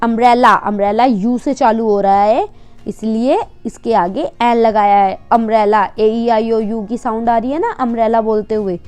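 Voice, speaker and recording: A woman with an Indian accent teaching a worksheet lesson, explaining patiently and reading each example sentence slowly. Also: on the high side, fairly even intonation, darkish tone, clean tone, faint music behind. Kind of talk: worksheet lesson explaining English grammar in Hindi.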